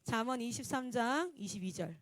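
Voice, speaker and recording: Animated woman preacher. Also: a little high, moderate pace, no room sound. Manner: animated, acts out quotes and laughs often. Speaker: missionary preacher. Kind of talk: Sunday sermon with personal storytelling.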